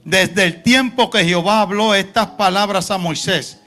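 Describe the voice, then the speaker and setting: A male pastor preaching a sermon in a church, shifting between soft low asides and loud emphatic lines. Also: normal speed, soft background music. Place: church sanctuary.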